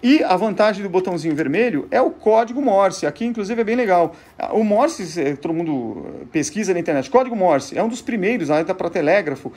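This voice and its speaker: Here a Brazilian Portuguese-accented man with a high, expressive, somewhat mellow voice talks briskly with few pauses. As presenter of a vintage gadget show, he gives an informal explanatory demo, often asking and then answering his own questions.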